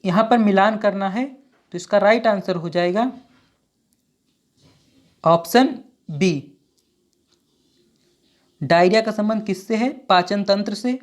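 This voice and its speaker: Give me a woman teacher working through quiz questions in a steady, even manner, with a mid-range voice. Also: medium pitch, takes it slowly, pauses often. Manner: reads each question and options, then gives the answer; steady, repetitive phrasing. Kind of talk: exam quiz walkthrough.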